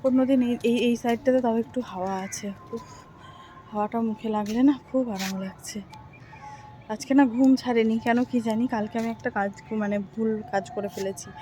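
A middle-aged woman vlogger chatting casually and softly about her day at home. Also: a little high, steady tone, fairly quick, soft background music. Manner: chatty, homely, soft-spoken. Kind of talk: casual vlog chat.

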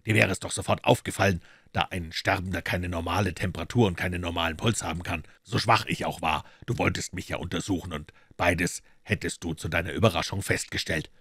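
Man reading as a calm clever detective, deep voice, dry sound, measured, audiobook. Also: slightly rough, dry recording, heavily acted. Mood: explaining.

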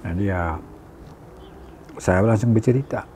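Low mellow-voiced man in his seventies. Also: a little slow, slight background noise. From Palembang, Indonesia. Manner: storytelling, often acting out old dialogue. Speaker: interview guest. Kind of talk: reminiscing conversation.

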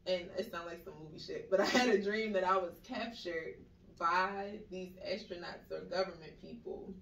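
A woman's voice: on the low side, normal speed, gravelly, a bit bright. A woman co-hosting a casual podcast, telling a long story with lots of "like" and acting out the quoted voices. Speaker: podcast co-host. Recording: echoey room, mic at a distance.

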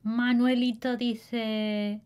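A woman teacher, reading a simple story slowly and with careful enunciation for learners. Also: a little high, little pitch movement, a little mellow. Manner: deliberate, clearly enunciated.

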